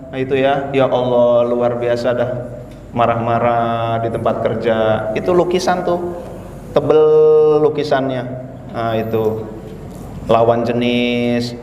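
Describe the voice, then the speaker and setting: A man's voice: medium pitch, roomy sound, big-room sound, far from the mic, a little hiss or hum. A man giving an informal religious lecture, telling stories and acting out quotes. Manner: lively storytelling with acted-out quotes. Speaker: religious teacher.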